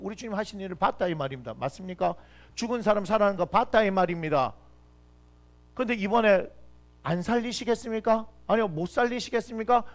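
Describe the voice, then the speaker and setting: A man preaching a lively youth sermon as pastor, swinging from loud exclamations to quiet asides and acting out Bible figures. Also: high voice.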